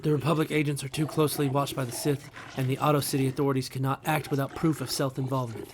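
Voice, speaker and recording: A man's voice: medium pitch, flat delivery, a little hiss or hum, natural voice. Man reading as a formal, worried alien father. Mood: worried, pleading. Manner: formal, measured reading of game dialogue.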